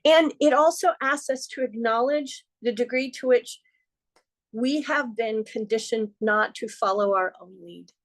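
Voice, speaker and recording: A middle-aged woman hosts an astrology forecast in a somewhat high voice. She talks earnestly and conversationally, slipping in playful asides. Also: unhurried. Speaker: astrologer host.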